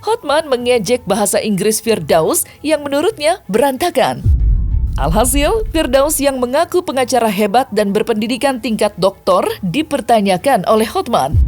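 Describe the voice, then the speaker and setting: Woman doing gossip-news voiceover, higher voice, music behind. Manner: steady, informative. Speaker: news narrator. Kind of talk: scripted news narration.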